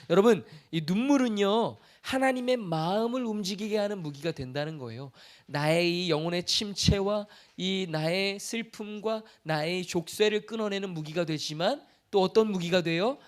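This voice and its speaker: High-voiced Korean pastor preaching. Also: male voice. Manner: conversational preaching with rhetorical questions; acts out God's voice in quoted lines. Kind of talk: sermon.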